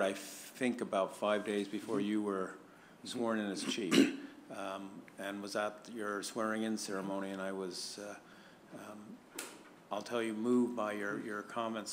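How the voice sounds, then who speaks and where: A man who is vice chair of a police board, giving a tribute at a meeting, halting and searching for words with many fillers. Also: fairly low pitch, fairly bright tone, slight background noise.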